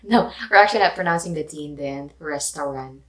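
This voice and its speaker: A woman's voice: on the low side, rapid-fire. A woman with a Filipino accent chatting casually as a co-host and demonstrating how words are pronounced. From Philippines. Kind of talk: casual chat.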